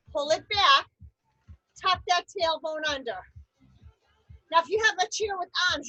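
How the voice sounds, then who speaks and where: A woman aerobics instructor leading an exercise class, giving energetic, encouraging cues and counting reps. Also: high voice, dry recording, rough recording. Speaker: aerobics instructor leading a seated chair workout.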